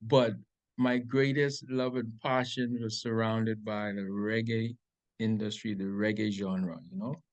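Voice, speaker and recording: A man's voice: on the low side, level tone, measured pace. A Bahamian man with a Bahamian accent, a reggae artist answering interview questions in a laid-back, hesitant way. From Grand Bahama, Bahamas. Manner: laid-back, hesitant with many ums and restarts.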